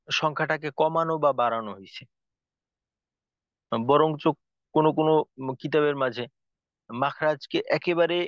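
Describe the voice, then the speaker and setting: A man teaching a tajweed lesson, explaining slowly and carefully with frequent pauses and fillers. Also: fairly high pitch, a bit bright, dry recording. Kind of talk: recorded lesson lecture. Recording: dull lo-fi recording, dry.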